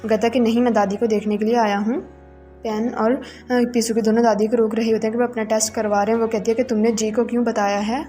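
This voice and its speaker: A woman narrating an episode recap of a drama, reading the characters' lines herself in an even, plain voice. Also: a little high, fast. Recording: faint music behind voice.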